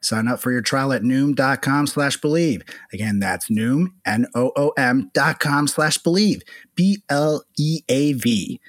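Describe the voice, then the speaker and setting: A man's voice: mid-range voice, a little slow, few pauses, no room sound. Man reading an ad, dry close sound. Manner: smooth, even promotional delivery. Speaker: ad reader. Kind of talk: scripted ad read.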